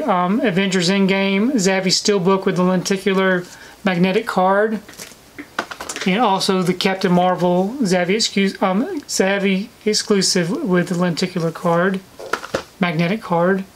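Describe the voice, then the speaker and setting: A woman's voice: mid-range voice, a little hiss or hum, poor audio. A woman chatting casually through a collection haul vlog, slightly out of breath, with frequent fillers and restarts. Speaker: video collector vlogger.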